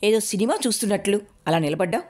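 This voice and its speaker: A woman's voice: mid-range voice, expressive, fast talker, pitched above the performer's own voice, natural voice. A woman playing a harsh, scolding mother. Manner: sharp, commanding.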